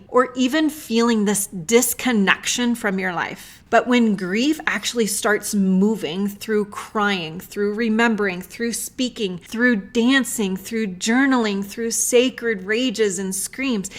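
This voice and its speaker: A woman podcast host who leads a slow breathing exercise, counting the breaths aloud, then talks it over in a calm, conversational way. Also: mid-range voice. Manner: conversational with tag questions like "right?". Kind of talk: guided breathwork then reflective talk.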